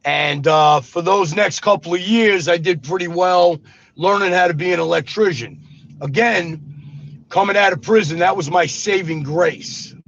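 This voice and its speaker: This former gangster from Brooklyn, now in his fifties, recounts his life in an interview with a laid-back street manner, peppering in "brother" and "you know what I mean." He speaks a little slowly in a high, gravelly, fairly bright voice. The sound is dull, dry and lo-fi.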